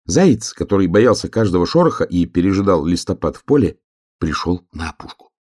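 A man narrating a children's story in an expressive, lilting reading. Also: deep voice, a little fast.

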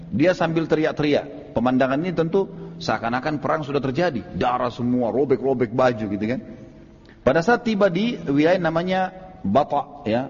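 A man preaching a religious lecture, telling a story in an animated way and speaking directly to his listeners. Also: a little high, a little hiss or hum. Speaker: Islamic preacher. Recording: dull, echoey hall recording.

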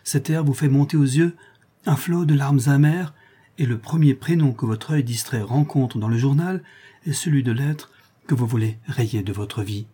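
A man narrating a novel as an audiobook in a measured, literary reading manner. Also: medium pitch, dark tone, slightly rough.

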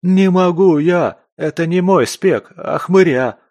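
A man voicing a frightened, hoarse young backwoods dealer who pleads and squeals in panic. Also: high voice, takes it slowly, darkish tone, no echo, voice pushed up. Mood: panicked.

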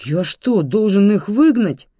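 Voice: medium pitch, lively intonation, slow pace, dark tone, no room sound, studio quality, voice pushed up. A reader voicing a clumsy young waiter who protests defensively.

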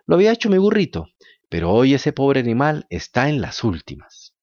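A man's voice: medium pitch, wildly swooping pitch, moderate pace, a little mellow, no echo, lo-fi sound. Man doing a blunt bargaining farmer. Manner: blunt and businesslike.

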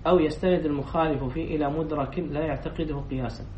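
A man teaching a class reads a text aloud and explains each line, asking students questions and echoing their replies. His slightly high voice is fast with fairly even intonation, captured from across an echoey room in a dull, muffled recording with faint underlying noise.

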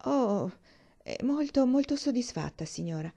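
A woman's voice: a little high, animated, measured pace, creaky, dark tone, voice pushed up, full character voice. A woman reading aloud and voicing a shy, earnest young woman in an audiobook. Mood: timid.

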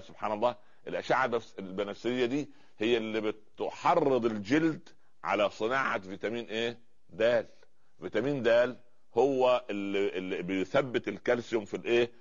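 Egyptian male preacher, rapid lecture delivery, rhetorical questions, muffled lo-fi sound. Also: lowish voice. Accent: Egyptian Arabic. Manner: rhetorical questions, fills gaps with drawn-out pauses. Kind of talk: religious lecture.

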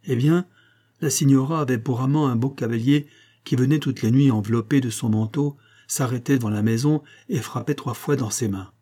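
A man's voice: mid-range voice, normal speed, mellow, lightly acted. A man voicing a poor, secretive old woman who eagerly confides what she has seen, in an audiobook reading. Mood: confiding.

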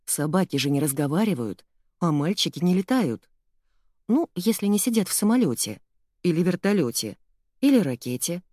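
Woman reader as a hushed puzzled boy, low mellow tone. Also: very animated, normal speed. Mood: musing. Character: curious young boy, puzzled and anxious.

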